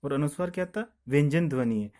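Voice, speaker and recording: A man's voice: a little high, lively intonation, brisk, dark tone. A male teacher talks a class through a grammar lesson. He explains each rule step by step, poses a question, answers it himself, and says the key point again so it sticks. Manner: repeats each point, asks then answers his own questions.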